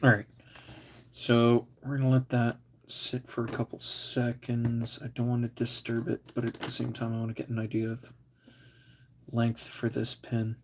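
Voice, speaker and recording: A man's voice: mid-range voice, monotone, normal speed. A man hosting a casual livestream, muttering to himself as he builds models and chatting with viewers now and then. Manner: mutters to himself while working, drifting quiet. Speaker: livestream host. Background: faint air compressor hum.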